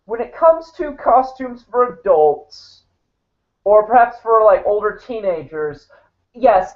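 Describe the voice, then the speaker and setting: A woman talks slowly and bluntly over a video she is reacting to, breaking in with quick retorts. Her voice sits at a middle pitch. The audio is tinny and thin, as if it came over a phone line. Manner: blunt, interrupts the clip with retorts. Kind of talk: casual commentary reacting to a video.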